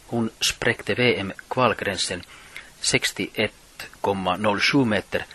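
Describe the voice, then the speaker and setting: A middle-aged man presenting a radio show, reading his script in a measured, plain way. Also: fairly low pitch, bright, forceful tone, husky. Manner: reads from notes, measured and plain.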